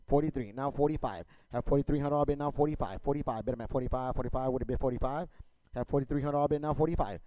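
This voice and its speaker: A man working as an auctioneer, calling bids in a rapid, repetitive chant of numbers and stock phrases. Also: medium pitch, dark tone, no echo, low-quality recording.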